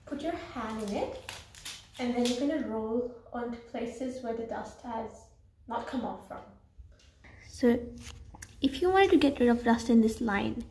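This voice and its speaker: Lively and fairly high-pitched, this young woman talks a little slowly and pauses often while cleaning on camera in a small carpeted room that echoes. It's a chatty, instructive clean-with-me tutorial shot at arm's length, with quiet asides mid-task and slight background noise.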